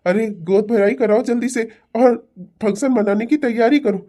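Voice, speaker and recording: A woman's voice: on the high side, moderate pace, mellow, natural voice. A woman voicing a stern elderly father-in-law who scolds and lectures his family in a cartoon family drama. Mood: cheerful. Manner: scolding, preachy.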